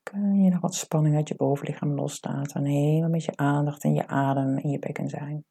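Unhurried pauses mark this guided meditation, led by a woman whose voice is deep, soft and breathy. She keeps her instructions calm and soothing.

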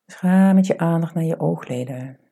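A woman leading a guided meditation in a soft, breathy voice, giving calm, soothing instructions with unhurried pauses. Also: low voice.

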